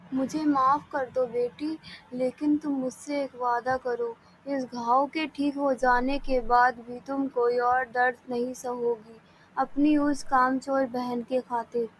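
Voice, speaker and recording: A woman's voice: high voice, steady tone, a little slow, a bit bright, a little hiss or hum, poor audio. A woman voicing a stern, scolding mother-in-law. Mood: tender. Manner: scolding, blunt. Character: stern middle-aged mother-in-law, sharp-tongued.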